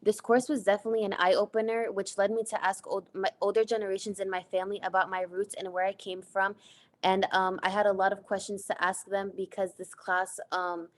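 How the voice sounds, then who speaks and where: Earnest young woman with a flat voice. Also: medium pitch, fairly quick. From United States. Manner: earnest, reads from slides with fillers. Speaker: student presenter. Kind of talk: presenting a class project.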